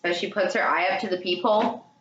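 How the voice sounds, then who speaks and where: A woman's voice: on the low side, quick pace. A woman co-hosting a podcast, telling spooky jokes in a casual way, laughing often and swearing freely. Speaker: podcast co-host. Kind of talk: casual storytelling chat. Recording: roomy, dull lo-fi sound with clear room noise.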